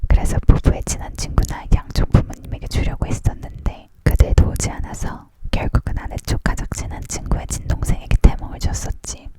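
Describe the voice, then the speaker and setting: A reader voicing a measured, courteous male store owner in a whispered role-play of a storybook, with old-fashioned formal phrasing. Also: lightly acted. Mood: recollecting.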